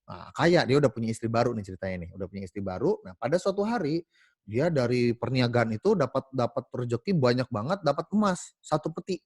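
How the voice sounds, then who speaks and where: A man speaks casually to his team, telling a story in an animated way. He keeps pausing on fillers and correcting himself mid-sentence. His voice is mid-pitched and the sound is dry and close. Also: no echo. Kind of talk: casual storytelling talk to colleagues.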